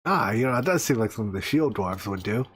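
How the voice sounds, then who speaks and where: A man's voice: fairly low pitch, expressive, quick pace, slightly rough, no room sound, clean studio sound. A man playing a tabletop game over voice chat, loose and eager, laughing as he talks. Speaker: player.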